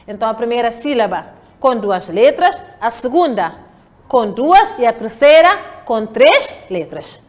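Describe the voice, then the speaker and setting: A woman teacher with a European Portuguese accent, giving a slow, patient lesson to children and often checking that they follow. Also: fairly high pitch, very animated. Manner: slow, patient, checks understanding with rhetorical questions. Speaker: primary school teacher. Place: home.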